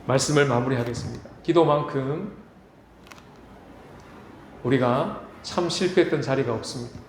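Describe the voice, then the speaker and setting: A man's voice: normal speed, a little hiss or hum. A man preaching a sermon as pastor, acting out voices as he speaks. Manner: dramatic preaching, acts out quoted voices with big pitch swings. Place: church sanctuary. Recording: echoey church room, faint ambience.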